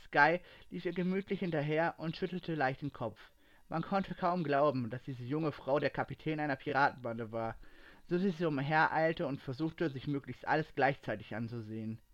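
A man narrating a story aloud at a steady, even pace, his voice sitting a bit higher than most men's. The recording is dry with no room sound. It is also a little dull and lo-fi. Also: moderate pace, dry recording.

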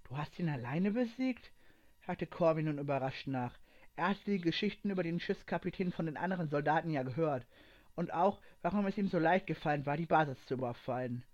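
A man reading a story aloud in an even, steady storytelling manner. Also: fairly high pitch, brisk. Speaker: narrator. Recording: dull lo-fi recording.

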